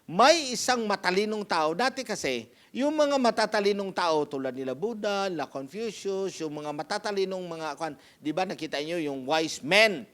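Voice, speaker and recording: A man's voice: high voice, lively intonation, normal speed, fairly bright tone. A male pastor preaching a storytelling sermon, often addressing the congregation as brothers and sisters.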